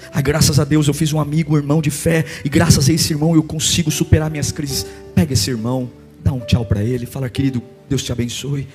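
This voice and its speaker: A man with a Brazilian Portuguese accent, preaching a sermon as a pastor, shouting and chanting at times and dropping to a low, quiet appeal at others.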